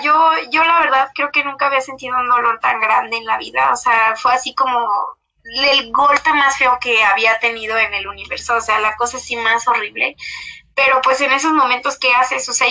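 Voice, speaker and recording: A woman's voice: high-pitched, sharp tone, poor audio. A young woman recounting a painful personal story in an interview, emotional and full of fillers. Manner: emotional retelling with many fillers. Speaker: interview guest. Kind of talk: personal testimony in conversation.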